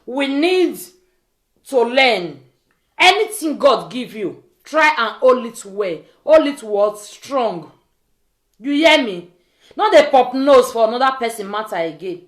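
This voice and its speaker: A high, very animated female voice with a West African accent rants informally in pidgin, in a roomy echo. She scolds like a social media vlogger, hammering rhetorical questions again and again. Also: slow. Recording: echoey, roomy sound.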